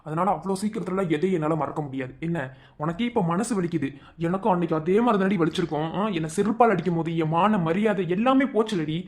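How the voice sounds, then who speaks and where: A man's voice: high-pitched, fast talker, lightly acted. A man voicing a cruel, vengeful young man in a cartoon love story, speaking in a taunting, menacing way. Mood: gloating menace.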